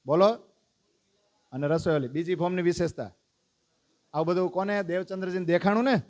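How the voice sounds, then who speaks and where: A man teaches a devotional lesson to a gathered congregation. His voice sits somewhat high, and he talks with lively energy, reeling off lists and pushing his listeners to recite them with him. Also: a little fast. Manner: lively, calls out lists and prompts the audience to recite. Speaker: religious teacher.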